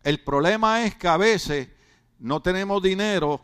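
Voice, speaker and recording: A man's voice: high voice, measured pace, a bit bright, clean tone. A male pastor preaching a humorous sermon, joking and chatty with rhetorical questions.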